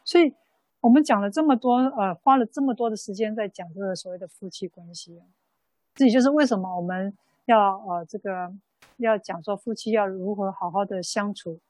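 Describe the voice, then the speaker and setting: Husky-voiced nun telling a story. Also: female voice, mid-range voice, no echo, poor audio. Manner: unhurried storytelling with many soft fillers. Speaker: Buddhist nun teaching a sutra class. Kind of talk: dharma talk told as a story.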